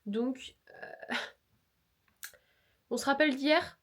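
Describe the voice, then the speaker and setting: A woman with a high-pitched voice speaks very slowly, nasal from the cold she has, in a casual, rambling vlog full of self-mocking asides. She records on a lapel mic into her phone, with background noise present.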